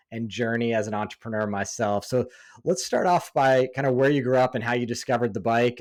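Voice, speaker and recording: A man hosting a podcast, chatting in a relaxed, friendly and curious way with his guest. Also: medium pitch. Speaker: podcast host. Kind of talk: casual podcast interview and read ad.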